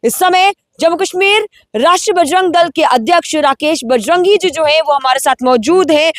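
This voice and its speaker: A woman's voice: very high voice, moderate pace, no echo, studio quality. A woman anchoring a news interview and putting pointed questions to her guest.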